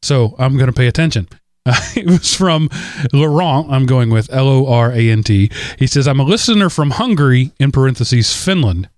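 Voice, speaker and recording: A man hosting a podcast, chatting casually and rambling with fillers and quick laughs. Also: mid-range voice, expressive, darkish tone, dry recording, studio quality. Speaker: podcast host. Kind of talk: casual chat.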